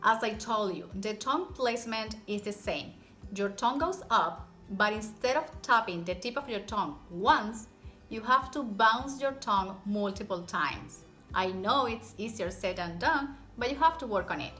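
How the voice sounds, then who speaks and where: A woman's voice: medium pitch, expressive, moderate pace, pushed and bright, faint music behind. A woman teaching pronunciation in an encouraging, step-by-step way, demonstrating rolled and tapped r sounds with repeated example words. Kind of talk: instructional language lesson to camera.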